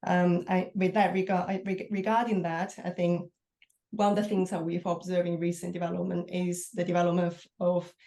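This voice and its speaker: A woman speaking on an academic panel, a little hoarse after being ill, hesitant with many pauses and fillers. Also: lowish voice, level tone, mellow. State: hoarse after recent illness. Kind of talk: panel discussion remarks.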